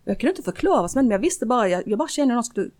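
A woman's voice: a little high, big pitch swings, darkish tone. A middle-aged woman, a guest, telling a personal story earnestly in casual conversation, with frequent restarts. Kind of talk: casual interview talk.

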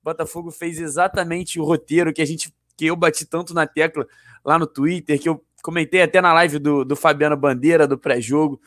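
A hoarse man co-hosting a casual live-stream football chat, excited as he breaks down the game. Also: on the high side, fairly quick, no echo, studio quality. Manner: excited, analytical football talk. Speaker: co-host.

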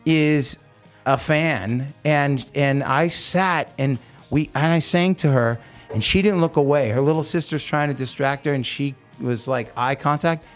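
A man with a somewhat high voice hosts a relaxed, informal chat. He tells anecdotes excitably, jumping into quoted lines, while music plays faintly behind him. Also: a little slow. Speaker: interview host and singer.

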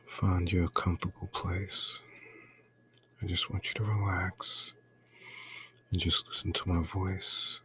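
A man doing an intimate whispered role-play right in your ear, breathy and coaxing, close to the mic. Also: level tone, slow pace, pauses often, a bit bright. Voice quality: breathy, mostly whispered low voice.

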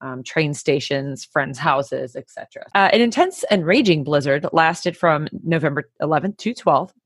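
Low-voiced woman, chatty co-host. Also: animated, normal speed, slightly rough, no room sound, studio quality. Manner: chatty storyteller, many fillers. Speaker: podcast co-host. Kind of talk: casual chat.

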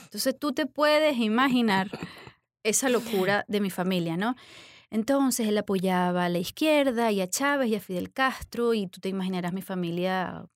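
A woman's voice: mid-range voice, moderate pace, no echo, clean studio sound. A middle-aged woman with a Venezuelan Spanish accent, telling a personal story in a confiding tone, full of fillers and tag questions. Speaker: interviewee.

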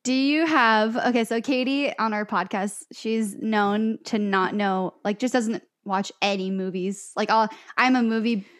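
A woman's voice: mid-range voice, fairly even intonation, unhurried, few pauses. A woman co-hosting a podcast, asking interview questions in a playful, encouraging way and laughing along with her guest. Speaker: podcast co-host. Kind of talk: casual conversational interview.

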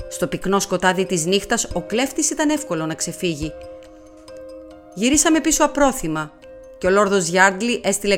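Woman reading an audiobook, lively dramatic delivery, pitch all over the place. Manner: expressive, dramatic. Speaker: audiobook narrator. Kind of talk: scripted narration.

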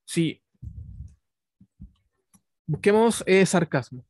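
A man's voice: sits high, expressive, very slow, darkish tone, dry recording. A Chilean man co-hosting a podcast, joking and teasing his partner and reading definitions aloud. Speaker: podcast co-host. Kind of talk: casual podcast banter.

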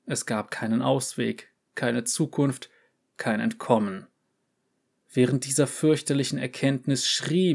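A man narrating a short story aloud in a calm, measured way. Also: mid-range voice.

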